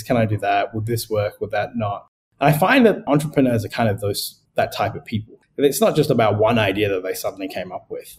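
A man's voice: on the low side, darkish tone, a little hiss or hum. A man who grew up in Australia, a guest in a podcast interview, talking in a conversational way with fillers. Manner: conversational, thinking aloud with fillers.

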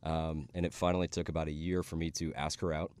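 A man, a guest, telling the story of how he met his wife in a casual chat, with quick dry jokes. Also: very deep voice, level tone, a little mellow, clear, resonant tone, no room sound. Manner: quick, dry self-deprecating humor.

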